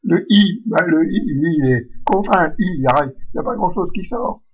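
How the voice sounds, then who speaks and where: A man giving a recorded spelling lesson, slowly modelling vowel sounds aloud. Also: a little high, expressive, slightly rough, lo-fi sound. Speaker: French spelling teacher.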